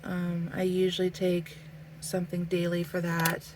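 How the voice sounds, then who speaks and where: This young adult woman, sniffling through a stuffy nose, chats casually while drawing for a vlog. Her lowish voice stays monotone, her pace is slow and thoughtful with plenty of fillers, and there's background noise.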